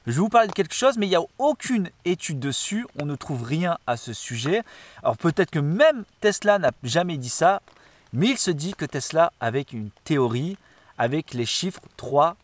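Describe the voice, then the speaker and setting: A man's voice: a little high, dry recording. Eager man, vlogger in the woods. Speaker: paranormal investigation vlogger. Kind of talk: casual on-location narration. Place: tent in a forest at night.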